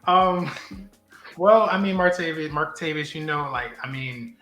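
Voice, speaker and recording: A man's voice: fairly high pitch, unhurried, sharp tone, reverberant, soft background music. A man from Buffalo, New York, chatting as a podcast guest in a bubbly, emotional way. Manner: bubbly, emotional, laughing often. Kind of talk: casual chat.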